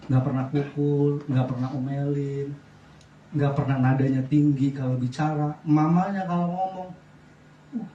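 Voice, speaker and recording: A middle-aged man preaching a sermon as pastor, lively, often asking the congregation questions. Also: fairly high pitch, moderate pace, muffled recording, slight background noise. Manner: lively preaching with wide swings in loudness, asks the congregation questions. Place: church. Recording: echoey church sound from a distance.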